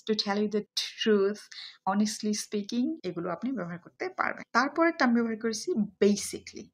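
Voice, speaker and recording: A woman gives a podcast lesson on English phrases, dropping them into her explanation and leaning on each one with stress. Her voice sits at an ordinary middle pitch. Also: gravelly, breathy edge. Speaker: English teacher.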